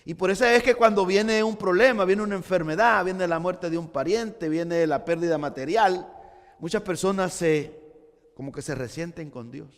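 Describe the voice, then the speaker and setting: A man with a high voice delivers a fervent sermon as a pastor, often doubling back on his words for emphasis. His voice carries a long reverb, as though filling a large church hall. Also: moderate pace.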